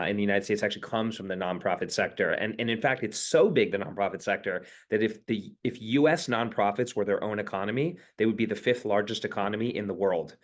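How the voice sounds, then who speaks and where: A man with a fairly low voice talks quickly and emphatically as an interview guest. He pads his answers with filler sounds while laying out facts and figures. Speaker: company founder, interview guest.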